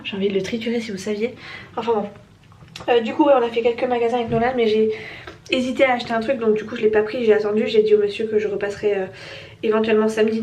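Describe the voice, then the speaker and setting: Casual woman vlogger, clearly noisy recording. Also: medium pitch, darkish tone. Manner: informal, rambling, self-interrupting. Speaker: family vlogger, mother. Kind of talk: casual vlog chat to viewers. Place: bathroom at home. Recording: noisy home recording with clicks.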